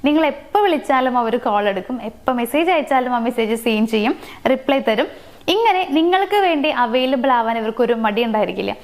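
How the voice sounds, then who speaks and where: Quick high-voiced woman giving relationship advice. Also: lively intonation. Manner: explains in numbered points with fillers and self-corrections. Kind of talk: casual advice talk to camera.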